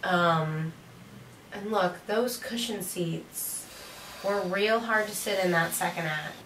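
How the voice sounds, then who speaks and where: Young woman co-host, easygoing and wry, slightly low, recorded far off in a reverberant room. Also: slow, a bit bright, slight background noise. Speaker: co-host reviewing theater. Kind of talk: casual chat. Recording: roomy room sound from a distant mic.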